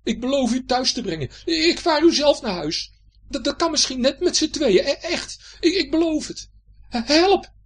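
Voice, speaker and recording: A scared young pirate sailor stammers and begs in a high, loud, lively voice, put on by a woman reading a storybook. Each plea tumbles out in broken starts. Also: moderate pace. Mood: frightened pleading. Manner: stammering, pleading.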